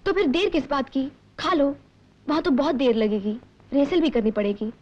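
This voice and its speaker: An actress playing a confident young woman visitor in a film, brisk and politely insistent. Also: high voice, a little mellow, lightly acted. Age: young adult. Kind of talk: Hindi film dialogue. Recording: dull vintage film soundtrack.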